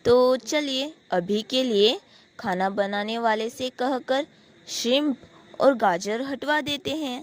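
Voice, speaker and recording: A woman reading as a gentle, caring duke. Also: a little high, slow. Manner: gentle, reassuring. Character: calm caring adult male duke, adoptive father.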